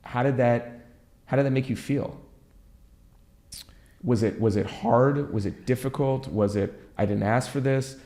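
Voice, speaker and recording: A man's voice: medium pitch, a little slow, long pauses, dark tone, echoey room. A man hosting an interview show as a rabbi, probing and stacking several questions at once. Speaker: podcast host, rabbi.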